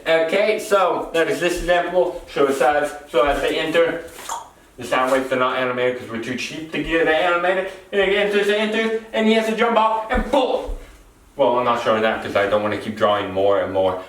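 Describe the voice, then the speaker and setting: A man's voice: fairly high pitch, fairly even intonation, fairly quick, fairly bright tone. A man giving an improvised explainer in a warehouse, rambling, repeating phrases and correcting himself as he goes. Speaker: presenter. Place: large echoing warehouse. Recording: echoey warehouse, distant mic, faint noise.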